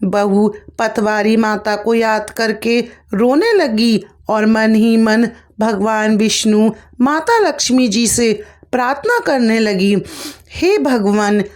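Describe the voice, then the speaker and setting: Woman storyteller, devotional folk tale, slow and homely, fairly high voice.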